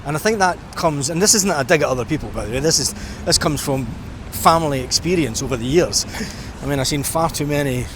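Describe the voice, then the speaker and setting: Rambling casually as he walks a busy seafront, a middle-aged Scottish vlogger talks in a reflective, conversational style. His voice is fairly high-pitched and brisk, with few pauses, over a background of traffic and street noise.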